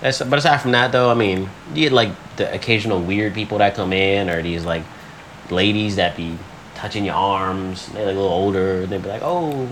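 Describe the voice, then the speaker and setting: A man with a lowish voice talking casually on a podcast, relaxed and drawling, often agreeing with short replies. Faint noise hums under his voice. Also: poor audio. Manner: easygoing, drawling, quick to agree with "yep" and "mm-hmm". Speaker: podcast co-host. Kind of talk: casual chat.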